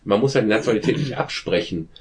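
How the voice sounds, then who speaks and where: Emphatic man with a lowish voice. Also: animated, fast talker, darkish tone. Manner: emphatic, often stumbles and repeats words. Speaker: discussion participant. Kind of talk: casual group discussion.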